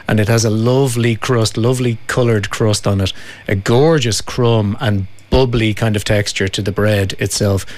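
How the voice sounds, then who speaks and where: A man's voice: fairly low pitch, fairly even intonation, normal speed. A man hosting a casual radio studio chat, chatty and enthusiastic as he tastes food on air. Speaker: radio host.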